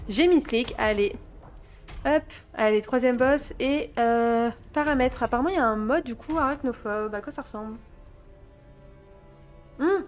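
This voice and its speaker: Excitable high-voiced woman streaming a game. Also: a little slow, long pauses, faint music behind. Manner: excitable, laughs often, reads game dialogue aloud in translation. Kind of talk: gameplay let's play commentary.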